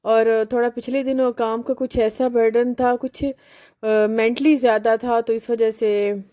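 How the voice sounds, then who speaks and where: A woman, chatting casually in a home vlog voice-over, unhurried and pausing often. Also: fairly high pitch, fairly even intonation, mellow. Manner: chatty, unhurried, with frequent hesitations. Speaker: home cooking vlogger.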